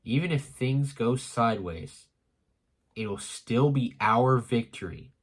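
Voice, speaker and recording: A man reading a comic aloud for a casual reaction stream, in a steady, plain delivery. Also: mid-range voice, slow pace.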